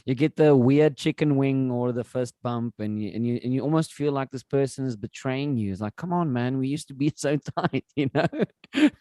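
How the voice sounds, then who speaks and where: A man's voice: medium pitch, moderate pace, mellow, dry recording, clean studio sound. A man hosting a casual podcast interview, eager and repeating himself as he talks. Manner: enthusiastic, repeats words. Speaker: podcast host.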